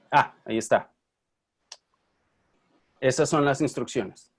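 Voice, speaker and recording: A man teaching an online university class, lecturing casually and often checking in with his students. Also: medium pitch. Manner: chatty, checks in with frequent questions. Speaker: university Spanish linguistics teacher.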